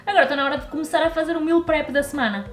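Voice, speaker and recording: A young woman with a European Portuguese accent chats in a lively, excitable way, her voice set a bit high. She vlogs on a handheld camera at home, with soft music under her. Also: racing. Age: young adult. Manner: chatty, excitable, talks to her cat. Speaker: vlogger. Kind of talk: casual vlog chat. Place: home kitchen and garden.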